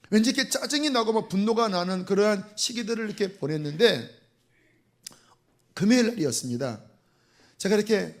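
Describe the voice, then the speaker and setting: A male pastor delivers a sermon to his congregation in a church, his voice sitting high. He preaches in a lively, animated way, acting out faces and little voices and scattering fillers through his speech.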